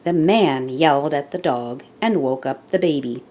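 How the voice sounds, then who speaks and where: With a deep voice, a woman reads aloud from a children's picture book, playing storyteller and host and emphasizing the text deliberately and expressively.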